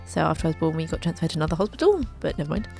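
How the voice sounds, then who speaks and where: A young woman in her twenties tells her life story as scripted narration, with light joking asides along the way. Her voice sits low and carries a gravelly, creaky edge, with soft music faintly behind her. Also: sing-song, very fast. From England. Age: 20s. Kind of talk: scripted narration over a drawing video.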